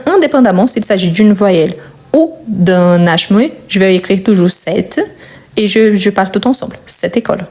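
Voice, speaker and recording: Patient woman language teacher, slow and deliberate, repeats example words, mid-pitched voice. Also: a little mellow. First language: Portuguese. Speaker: French teacher. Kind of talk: grammar lesson.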